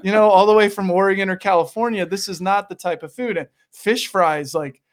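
Chatty high-voiced man in his thirties. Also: brisk. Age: 30s. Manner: chatty, uses "dude" and "bro". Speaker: podcast host. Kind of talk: casual interview chat.

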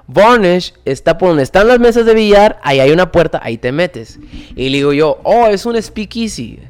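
A man in his twenties with a Mexican accent, a podcast guest telling a story in casual chat, animated, slangy and swearing often. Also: fairly high pitch, brisk, clear, resonant tone. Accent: Mexican Spanish. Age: 20s.

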